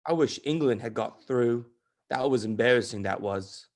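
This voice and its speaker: A blunt young sports fan, read by a man in a storybook group reading. He speaks in short, gloomy remarks at a mid-range pitch. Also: normal speed, darkish tone, natural voice.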